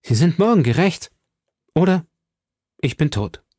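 A man's voice: a little high, big pitch swings, a little slow, darkish tone, no room sound, studio quality, voice pushed up. A man reading an audiobook, voicing an impulsive, passionate young male swordsman with heated, emphatic delivery. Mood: ardent.

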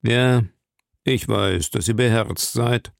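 A man voicing a powerful, scheming old cardinal who speaks slowly and probingly. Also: fairly low pitch, vocal fry, dry recording, studio quality. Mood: mild. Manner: slow, measured, probing.

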